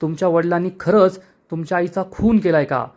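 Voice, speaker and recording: A man's voice: high voice, fairly quick, darkish tone, lightly acted. A man voicing a stern, indignant father of the bride in a spoken recap of a TV serial. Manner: indignant questioning.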